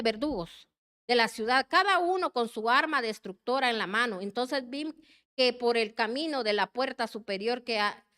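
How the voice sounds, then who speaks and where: A woman whose voice is smooth and a little high delivers an impassioned sermon, addressing the audience as her brothers over and over. Her tone shifts between forceful exhortation and soft, sincere appeals.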